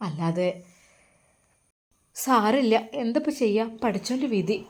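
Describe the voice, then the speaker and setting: A woman's voice: a little high, expressive, a little slow. Blunt gossiping aunt, as a woman voices her. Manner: blunt, chatty, feigned sympathy. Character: gossiping middle-aged woman relative, blunt and falsely sympathetic.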